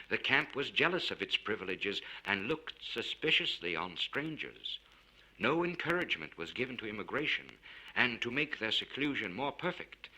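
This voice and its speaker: An audiobook narrator, a man, dramatically reads a classic literary story in a forceful, very bright voice. His pitch swings widely as he shapes phrases in a measured, expressive, theatrical way. The rough recording sounds like a vinyl-era spoken-word record.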